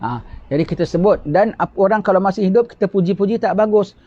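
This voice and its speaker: A religious teacher with a high voice talks fast in a lecture, explaining patiently, repeating key phrases, and posing rhetorical questions. The recording is dry, dull, and lo-fi.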